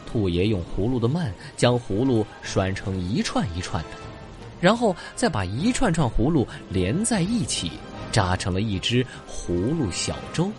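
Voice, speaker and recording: A man's voice: mid-range voice, wildly swooping pitch, a little slow, over music. A man narrating a bedtime sleep story for young children in a coaxing way. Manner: coaxing, addresses small children with soft sentence particles.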